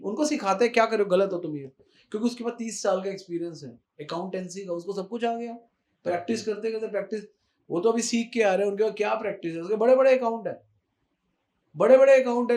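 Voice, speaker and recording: A man giving an animated devotional talk, emphatic and repetitive, slipping English words into speech. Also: sits high, reverberant. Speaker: spiritual speaker.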